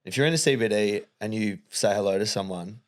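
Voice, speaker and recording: A man's voice: on the low side, a little fast. Rambling young Australian man. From Melbourne, Australia. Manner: rambling, casual, slangy, many restarts. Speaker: podcast host. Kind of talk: casual chat.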